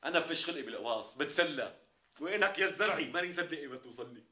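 Bright-voiced, grumbling Syrian office man. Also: a little high, expressive, very fast, roomy sound. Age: middle-aged. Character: bald, grumbling middle-aged office worker, teasing and bossy. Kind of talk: television comedy-drama acting. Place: small office set indoors.

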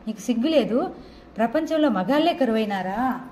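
Woman voicing a sneering jealous young wife, sharp-tongued, raised voice, audiobook. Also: fairly high pitch, animated, normal speed, a little hiss or hum, lightly acted. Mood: furious. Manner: sneering, mocking. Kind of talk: audio novel reading.

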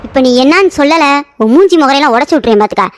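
A woman's voice: high voice, expressive, rapid-fire, a little hiss or hum. A woman voicing a hot-tempered young woman in a cartoon story, scolding and insulting sharply. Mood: furious.

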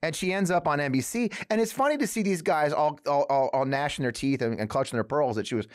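A man hosting a political talk show, sardonic and quick to laugh, often repeating words as he talks. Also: fairly high pitch, no room sound, studio quality. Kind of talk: casual political chat.

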